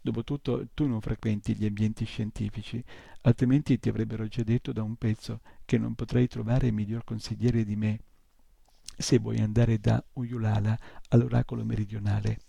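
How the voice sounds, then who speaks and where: Pompous old gnome professor, lecturing and boastful, dark and gravelly, as a male reader puts him on. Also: fairly low pitch, level tone, moderate pace, no echo, exaggerated voice. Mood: self-important. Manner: self-important and lecturing.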